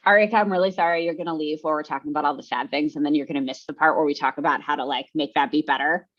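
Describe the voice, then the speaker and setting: A woman's voice: low voice, steady tone, rapid-fire, a bit bright, muffled recording. A woman presenting an online workshop in a conversational way, often checking in with her audience. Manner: conversational, often tags sentences with "right?". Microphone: video call.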